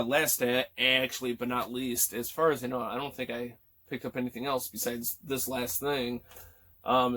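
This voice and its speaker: A man in his thirties talks in a loose, rambling way, full of ums, restarts and casual swearing. His voice is still cracking after an illness. He sits at a middle pitch for a man. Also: fairly bright tone. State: voice cracking after being sick. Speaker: gaming vlogger. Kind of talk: casual chat.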